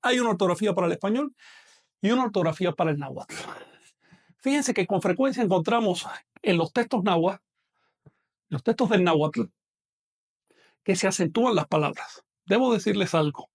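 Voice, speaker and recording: A man giving an online language lecture, explaining patiently and slowing down to model pronunciation. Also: high-pitched, expressive. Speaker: language teacher.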